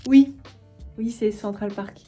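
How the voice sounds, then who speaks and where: A woman in her thirties from France, chatting excitedly in a casual travel vlog and laughing often. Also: mid-range voice, slow, soft background music. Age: 30s. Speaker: vlogger.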